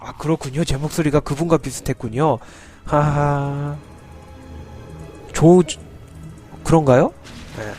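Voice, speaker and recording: A man's voice: a little high, normal speed, dark tone. A man streaming a video game, giving playful, joking commentary to viewers and yelping in panic during fights. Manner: joking, teasing, yelps repeated "no" in panic. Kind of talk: playful live gameplay commentary. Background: game music.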